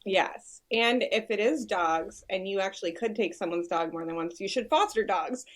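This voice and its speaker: A woman guest on a podcast, speaking at a medium pitch. She gives practical advice plainly and directly in casual conversation. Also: moderate pace.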